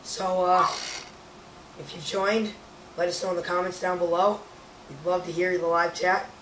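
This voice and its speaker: A teenage boy with a raspy voice, hoarse from a cold, co-hosting a live stream in casual chat and rambling with lots of fillers. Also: high-pitched, level tone, normal speed, background noise. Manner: rambling, full of fillers and restarts.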